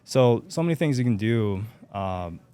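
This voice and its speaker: Low-voiced young man, hesitant speech. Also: lively intonation, unhurried, warm tone, smooth. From Japan. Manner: hesitant, many fillers and restarts. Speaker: podcast guest. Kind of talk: casual interview chat.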